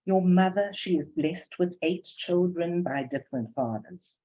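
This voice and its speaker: A slightly slow, mellow, lowish female voice belongs to an older academic presenter with a South African English accent. Her lecture involves careful reading from a prepared text plus poetry read aloud, all on a dull lo-fi recording.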